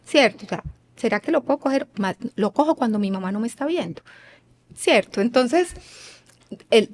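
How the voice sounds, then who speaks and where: A woman, a guest expert on child rearing, explaining in an earnest, didactic way. She acts out parents and children, and she often checks in with rhetorical questions. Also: a little high. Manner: asks listeners rhetorical questions. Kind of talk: explanatory interview talk.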